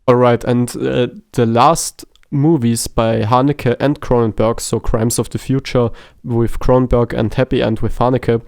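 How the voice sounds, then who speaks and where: Slow, smooth-voiced man talking film. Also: medium pitch, darkish tone, no echo, clean studio sound. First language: German. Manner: hesitant, jokey, many fillers. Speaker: podcast co-host. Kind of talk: casual film discussion.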